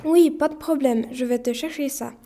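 A breezy, helpful young man in a read-aloud storybook who greets friends warmly, as a woman reads him. His voice comes out high and mellow. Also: normal speed. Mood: friendly.

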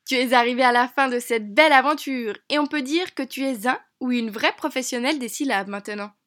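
A woman teacher narrating a lesson for young children in an encouraging, clear way, slowing down on key words. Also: sits high. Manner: bright, encouraging, speaks slowly to a child.

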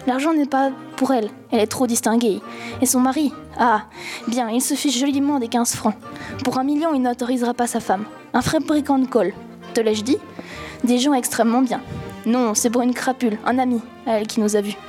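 A woman's voice: a little high, steady tone, fairly quick, a little mellow, faint music behind, close to an everyday voice. A woman voicing an impulsive seventeen-year-old boy who pleads and rambles in a storybook reading. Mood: pleading.

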